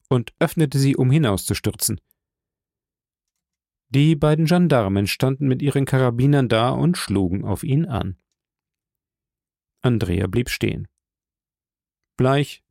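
A man narrating a novel as an audiobook in a measured, even storytelling manner. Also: mid-range voice, creaky, no echo, studio quality.

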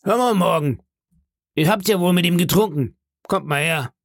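A man voicing a jovial, cunning one-legged pirate innkeeper in a storybook reading, hearty and booming with blustering indignation. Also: moderate pace, no echo, clean studio sound.

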